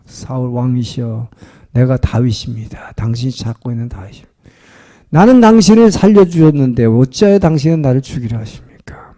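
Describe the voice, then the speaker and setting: A male preacher voicing a young man who calls out loudly and pleadingly to a king. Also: mid-range voice, big pitch swings, a little fast, lightly acted. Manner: loud, pleading call.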